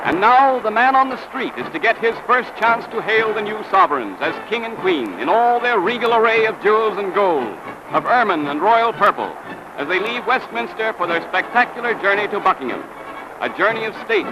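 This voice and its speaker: High-voiced man in old newsreel narration. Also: expressive, normal speed, noisy background. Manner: grand, declamatory. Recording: old newsreel soundtrack with loud music.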